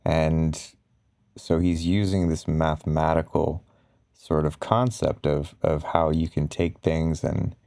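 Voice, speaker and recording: A man giving slow bedtime pillow talk in an ASMR style, explaining ideas in a halting, rambling, casual way with frequent pauses. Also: very deep voice, flat delivery, gravelly, dark tone, no echo, studio quality. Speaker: ASMR content creator.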